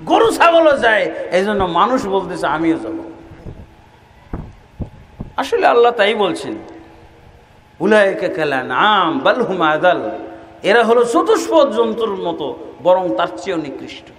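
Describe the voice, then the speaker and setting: A male preacher from Bangladesh delivering an impassioned sermon to a large outdoor gathering, shouting at its peaks with mocking asides. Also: high-pitched, sing-song, a little slow, slight background noise. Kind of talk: fiery sermon at an open-air gathering. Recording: echoey loudspeaker sound with long reverb.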